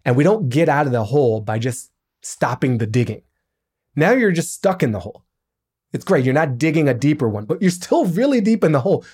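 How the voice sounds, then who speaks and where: A middle-aged man, a podcast guest, explaining his points in an animated, emphatic way. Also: fairly high pitch, brisk, slightly rough. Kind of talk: podcast interview.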